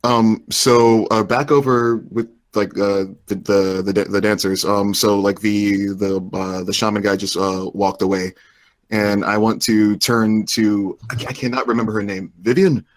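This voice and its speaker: A man playing a tabletop game, chatting casually and describing his moves in a halting, stammering way. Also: lowish voice, level tone.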